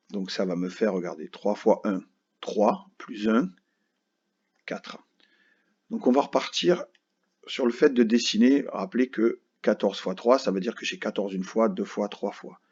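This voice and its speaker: A primary school teacher patiently walks children through a math lesson step by step, often asking "d'accord?" to check they're following. His voice is lowish, a little mellow and slightly rough, animated yet unhurried, with long pauses. The recording is dull and lo-fi.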